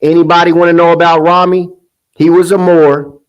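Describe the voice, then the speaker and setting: A man's voice: a little high, flat delivery, normal speed, clear, resonant tone, lo-fi sound. A man hosting a casual commentary monologue, heated and scoffing, rambling with restarts. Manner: sing-song mocking quotes. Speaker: commentary host.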